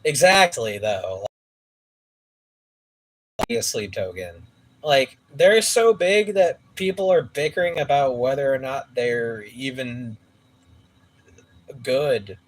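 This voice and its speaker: A man's voice: medium pitch, animated, slow, long pauses, a little hiss or hum. Rambling man chatting on a live stream. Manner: rambling, filler-heavy, many restarts. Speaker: musician streaming a game. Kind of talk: casual live-stream chat. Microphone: phone mic some distance away.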